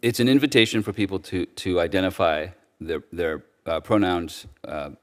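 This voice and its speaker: A deep-voiced man testifies formally as a judicial nominee. He answers with care, but his delivery is hesitant and halting, with frequent stammering.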